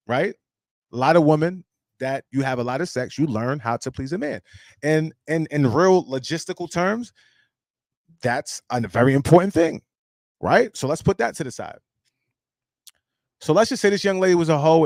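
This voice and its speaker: A man's voice: on the high side, a little mellow, no echo. A man in his late thirties hosting a live stream, giving casual life advice in a blunt, emphatic, preachy way and swearing freely. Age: 30s.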